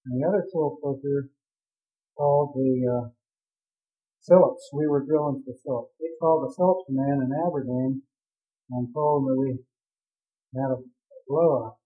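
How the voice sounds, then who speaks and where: A man's voice: mid-range voice, moderate pace, long pauses. A man who captained a drilling ship, telling a vivid, rambling story in an oral history interview. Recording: tinny phone-like audio.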